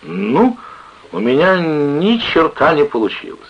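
A man voicing a huge drunken sailor who bellows in a slurred, drawn-out way, on an old lo-fi radio recording. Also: a little high, very animated, gravelly, slightly rough, pitched above the performer's own voice, exaggerated voice. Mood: boastful storytelling.

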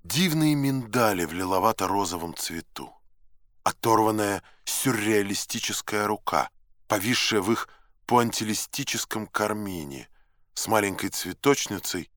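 A man reading a novel aloud as a first-person narrator, in a measured, dramatic and ironic manner. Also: on the low side, a bit bright, dry recording, clean studio sound. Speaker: audiobook narrator.

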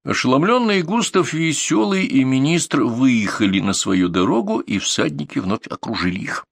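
Gravelly male storybook narrator. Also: medium pitch, sing-song, normal speed, no room sound, studio quality.

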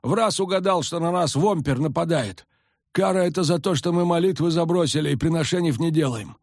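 A man's voice: fairly high pitch, brisk, darkish tone, dry recording, clean studio sound, pitched above the performer's own voice. A man voicing a pushy, superstitious older peasant man who talks in a rustic folksy way, read in an audiobook. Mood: insistent. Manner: rustic folksy speech, insistent.

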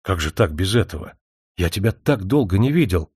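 A man's voice: deep voice, big pitch swings, moderate pace, darkish tone, husky, no room sound, studio quality, exaggerated voice. A man voicing a middle-aged writer who bursts out flustered and declaims pompously.

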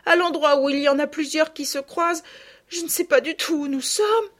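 A woman's voice: high voice, moderate pace, voice pushed up, close to an everyday voice. A woman reading aloud and voicing a frightened little girl who sobs because she has led her friend astray. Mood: sobbing, panicked. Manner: tearful and sobbing.

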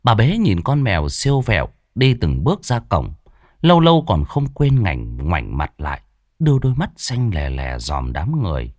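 A man's voice: low-pitched, huge pitch swings, normal speed, darkish tone, dry recording, clean studio sound. A man telling a ghost story in a vivid, dramatic way. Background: faint music.

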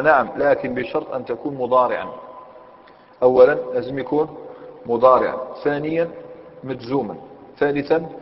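Male grammar teacher, mid-pitched, methodical with frequent questions to the class; dull recording, long hall reverb. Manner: explains step by step, asks students questions. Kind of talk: Arabic grammar lesson.

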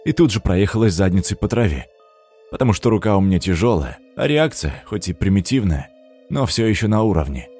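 A man's voice: sits low, animated, a little fast, darkish tone, breathy edge, soft background music. A man narrating an audiobook in the first person, wry and dramatic.

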